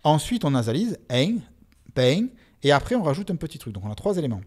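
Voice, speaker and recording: A man with a Marseille accent, a sociolinguist guest, explaining pronunciation in a lively, expressive way and voicing examples aloud. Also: on the high side, rapid-fire. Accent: Marseille French. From Marseille, France. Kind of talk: casual explanatory interview.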